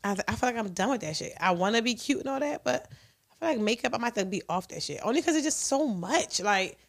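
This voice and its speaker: A woman's voice: a little high, animated, fast talker. A young adult woman co-hosting a podcast, chatting casually in a blunt, profane, storytelling way. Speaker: podcast co-host. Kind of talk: casual chat.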